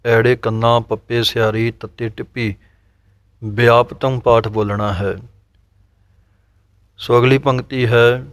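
A man gives a patient lesson on reciting scripture, chanting each verse slowly before breaking the words down letter by letter. His voice is smooth and resonant, held in a narrow, even pitch, and the recording is dry and close. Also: no room sound. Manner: slow, deliberate chanted recitation of verses, then plain explanation; spells out letters and vowel marks one by one.

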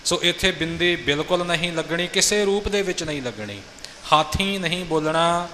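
A man's voice: on the high side, normal speed, sharp tone, in a large hall, slight background noise. A man teaching scripture pronunciation, patiently explaining and modeling each line. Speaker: recitation teacher. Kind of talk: pronunciation instruction.

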